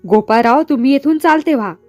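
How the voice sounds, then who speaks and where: A woman's voice: sits high, quick pace, a little mellow, no room sound, soft background music, close to an everyday voice. A woman voicing a furious young woman who sharply scolds the men in a story. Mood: angry. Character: furious young woman defending her honor.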